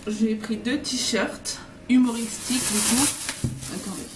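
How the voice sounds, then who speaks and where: A woman's voice: fairly high pitch, steady tone, a little slow. A woman in her twenties chatting casually in a travel vlog from a hotel room, rambling with many fillers and restarts. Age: 20s. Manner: rambling, filler-heavy, self-correcting. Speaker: vlogger. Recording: roomy, distant, noisy.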